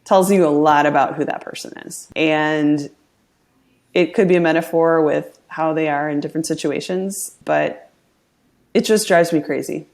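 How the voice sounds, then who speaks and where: Low, gravelly-voiced middle-aged woman. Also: fairly even intonation, normal speed, darkish tone. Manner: upbeat, laughs often, chatty storyteller. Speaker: podcast guest. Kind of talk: casual interview chat.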